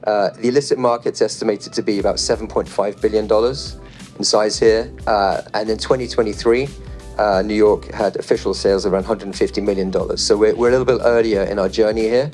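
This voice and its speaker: A man with a somewhat low voice moderates a panel discussion before a live audience. He keeps it loose and conversational, reading figures off his phone and tossing in dry asides. Faint music plays underneath. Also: a little fast. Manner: relaxed and chatty, reading statistics off a phone with light jokes.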